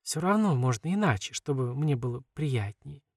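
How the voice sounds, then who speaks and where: A man voicing a tender, teasing young woman in an audiobook, speaking softly and quietly. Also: mid-range voice, expressive, normal speed, no room sound, clean studio sound, recorded from a distance.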